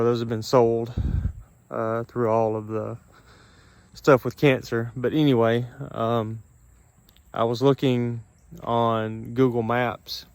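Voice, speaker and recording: A middle-aged man talking casually to a vlog in a drowsy, halting, unhurried way, with a dry mouth and some gum chewing. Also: medium pitch, clear, resonant tone, dry recording. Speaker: vlogger. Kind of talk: casual solo vlog, rambling personal talk.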